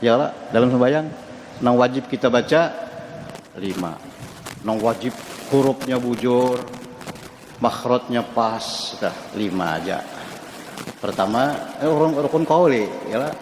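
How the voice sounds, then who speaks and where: A man with a Banjar accent gives an informal mosque lesson, asking his listeners questions and chuckling as he goes. His mid-pitched voice carries through a roomy hall with a long reverb tail. Faint noise sits under the recording. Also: unhurried, long pauses. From South Kalimantan, Indonesia. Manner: conversational, asks the audience questions and chuckles. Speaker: religious teacher. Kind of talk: mosque study-circle lecture.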